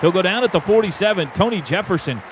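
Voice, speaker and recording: With a high, animated voice and quick pace, an American radio announcer calls live football play by play in terse present-tense bursts, some chatter audible behind him. He works from a stadium radio booth; the sound is dull and noisy, with clear outdoor crowd ambience.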